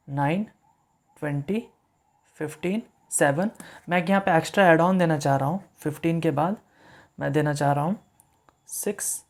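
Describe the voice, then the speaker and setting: A man's voice: on the high side, vocal fry. Man explaining code step by step. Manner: repeats steps, checks in with frequent "right?"; mixes English words into Hindi. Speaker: coding tutor. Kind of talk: whiteboard coding lecture.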